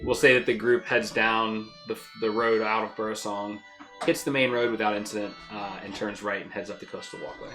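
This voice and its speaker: Low-voiced woman running a game. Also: normal speed, music in the background. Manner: relaxed, loose and chatty. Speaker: game master. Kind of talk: narrating a tabletop game.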